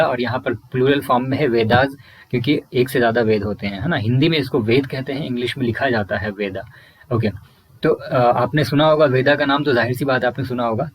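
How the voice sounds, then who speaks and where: A man teaching a school lesson, reading English lines slowly and explaining them in Hindi, checking in often with "okay" and "right". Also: mid-range voice.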